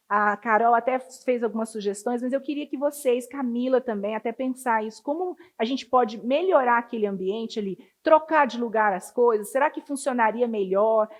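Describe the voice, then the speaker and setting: A woman's voice: on the high side, animated, normal speed, hardly any pauses. A woman giving a casual training talk to children's ministry volunteers, chatty and full of anecdotes. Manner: chatty, storytelling, acts out children's voices.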